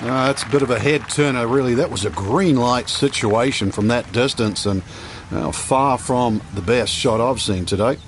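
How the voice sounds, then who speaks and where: A man giving golf commentary as an analyst, measured and evaluative. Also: medium pitch, natural voice. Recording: noisy outdoor crowd ambience. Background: crowd, outdoor noise.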